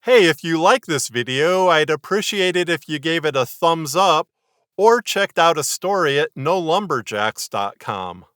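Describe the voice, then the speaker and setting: A man narrates a scripted writing lesson to camera in a bright, forceful, fairly high-pitched voice. Articulate, expressive and measured, he stresses his points like a podcaster who writes fiction. The tone is clean, very dry and close, with no room sound.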